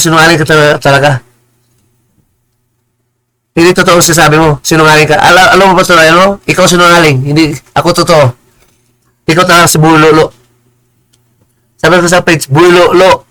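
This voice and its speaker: A man ranting on a live stream, combative and insulting, stumbling over and repeating his words and slipping into slow, preachy English phrases. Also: on the high side, steady tone, pushed and bright, rough recording. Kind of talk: heated live-stream rant.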